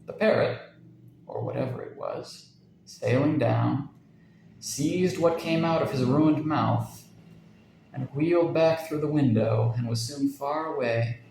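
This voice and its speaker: A man narrating a dark short story with measured, suspenseful pacing. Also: medium pitch, animated, creaky, reverberant, slight background noise, poor audio. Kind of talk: dramatic story reading.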